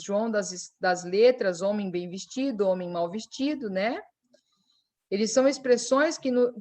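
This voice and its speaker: Woman teacher, fairly high voice, patient step-by-step explainer, keeps checking in. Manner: explains slowly, checks in with "né?" and "tá bom?". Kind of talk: recorded online class.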